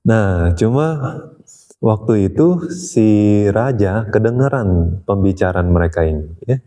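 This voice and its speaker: A man's voice: fairly low pitch, expressive, measured pace, warm tone. A man retelling a religious tale in a casual, chatty way, often tagging his sentences and chuckling.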